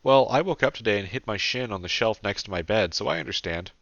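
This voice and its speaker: A man's voice: fairly low pitch, animated, quick pace, vocal fry, fairly bright tone, dry recording, voice pushed up, exaggerated voice. A man voicing a playful young woman who speaks theatrically and teases lightly, in a slightly dull lo-fi home recording. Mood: offhand.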